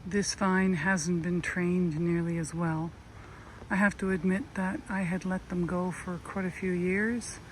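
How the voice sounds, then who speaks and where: A middle-aged woman in a casual, folksy video diary, talking plainly through everyday chores as if to family. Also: lowish voice. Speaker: home vlogger. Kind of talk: casual chatty video diary addressed to their father. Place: outdoors in a garden, later indoors at home. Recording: clear ambient background noise.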